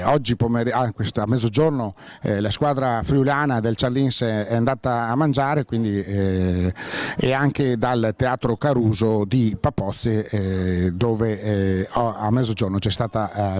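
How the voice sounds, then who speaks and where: A man's voice: mid-range voice, darkish tone, no echo. A man doing live play-by-play football commentary, hesitant with many fillers and rising sharply on chances.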